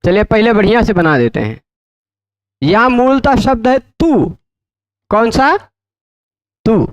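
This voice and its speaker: A man teaching Sanskrit grammar in a lecture, often asking his students check questions and repeating terms slowly. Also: sits high, lively intonation, no echo, muffled recording. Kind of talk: explanatory lecture.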